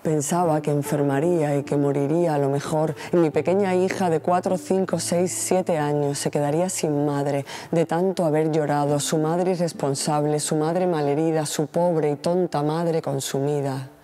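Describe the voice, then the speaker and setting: A woman in her forties, a poet reciting her own poem in a measured, solemn way. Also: sits low, fairly even intonation, mellow. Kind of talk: poetry reading.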